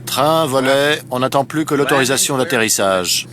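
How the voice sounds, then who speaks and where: A man's voice: medium pitch, moderate pace, a bit bright, a little hiss or hum, natural voice. A man playing an airline pilot in a French-dubbed docudrama, giving procedural cockpit callouts. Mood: businesslike. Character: airline pilot calling out checks on final approach.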